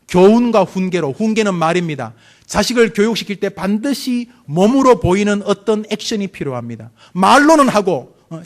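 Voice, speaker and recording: A man preaching a sermon as pastor, building fervor with rhetorical questions and calls for the congregation to repeat after him. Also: high voice.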